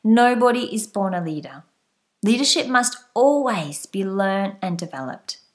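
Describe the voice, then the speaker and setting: A woman with a mid-range, slightly bright voice and a light Australian accent hosts her own podcast as a leadership coach. Speaking solo and directly to the listener, she sounds earnest and motivational.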